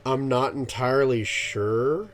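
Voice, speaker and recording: A man's voice: mid-range voice, takes it slowly, soft background music. A man in his thirties giving rambling, casual let's-play commentary, full of ums and self-amused laughs. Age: 30s. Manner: rambling, filler-heavy, laughs at himself. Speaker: gaming channel host.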